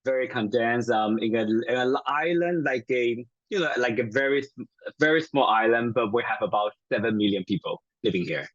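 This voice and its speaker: A man's voice: mid-range voice, moderate pace, a bit bright, no echo, highs cut off. A man from Taiwan, a native Chinese speaker, talking as a guest chiropractor in a casual interview, friendly and hesitant with many fillers.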